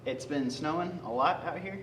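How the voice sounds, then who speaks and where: A man's voice: fairly high pitch, moderate pace, fairly bright tone. A young man speaking casually as the host of a homemade video, chatting to his viewers. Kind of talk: casual vlog chat. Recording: echoey, distant mic, faint noise.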